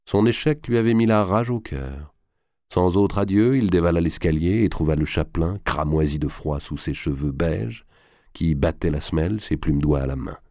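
A man reads a historical novel aloud in measured, dramatic narration. His voice sits very low, and the recording is dry, with no room sound. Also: dark tone, no echo. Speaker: audiobook reader.

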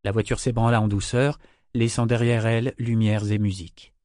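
A man narrating a fantasy novel aloud in an even, measured reading. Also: on the low side, no room sound, clean studio sound. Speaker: audiobook narrator.

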